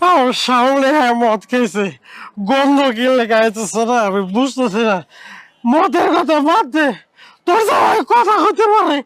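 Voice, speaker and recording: An actor playing a tipsy, scheming sidekick with a Bangladeshi accent, protesting in a comedy drama. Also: male voice, extremely high pitch, normal speed, a bit bright, dry recording. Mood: pleading, indignant. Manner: pleading, protesting.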